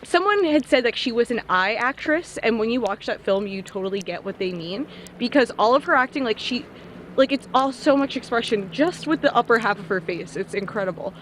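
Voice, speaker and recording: A woman's voice: fairly high pitch, lively intonation, brisk, fairly bright tone, slight background noise, rough recording. A young woman co-hosting a casual vlog outdoors in the snow, chatting in a bubbly way and laughing often. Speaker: vlog co-host. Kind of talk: casual chat.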